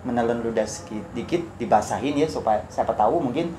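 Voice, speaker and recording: Guy telling his testimony, earnest, acts out yelling, echoey room, noisy background. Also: medium pitch, fairly quick. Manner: earnest storytelling, acts out his own shouts. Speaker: guest sharing a testimony. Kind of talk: personal testimony in conversation.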